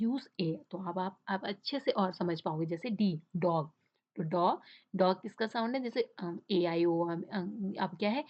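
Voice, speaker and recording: A woman teacher explaining a children's English lesson in Hindi, often stopping to ask the class questions and to check with "okay?". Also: fairly low pitch. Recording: dull lo-fi sound.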